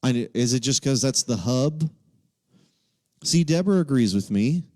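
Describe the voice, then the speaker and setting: A man's voice: medium pitch, lively intonation, a little slow, mellow, no room sound, studio quality. A man from Texas, casually hosting a live quiz and thinking aloud as he reads out the answer options. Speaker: livestream quiz host.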